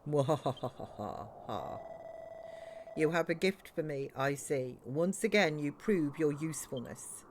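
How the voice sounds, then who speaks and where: A woman voicing a scheming villain with slow theatrical menace, reading out game dialogue. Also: low-pitched, a little hiss or hum, natural voice. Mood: gloating menace. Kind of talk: game dialogue read aloud.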